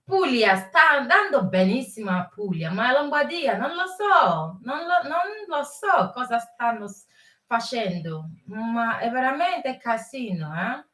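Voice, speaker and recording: A woman hosting a casual live chat with viewers, mixing English and Italian and often pausing to search for words. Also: fairly high pitch, sing-song, a bit bright, reverberant, recorded from a distance. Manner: mixes English and Italian while greeting viewers. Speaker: live stream host.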